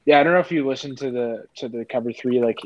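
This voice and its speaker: A man's voice: medium pitch, fast. Guy on a sports pod, lots of um and restarts, muffled mic, keyboard clacking faint. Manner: hesitant, many restarts and fillers. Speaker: podcast co-host. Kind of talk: casual sports chat. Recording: dull lo-fi sound, faint noise.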